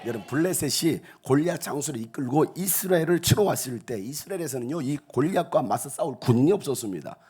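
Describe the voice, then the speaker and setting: A male pastor preaching a lively sermon in a church, who acts out gruff voices and jokes with the congregation. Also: a little high, quick pace, hardly any pauses. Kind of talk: lively sermon with acted quotes. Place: church sanctuary.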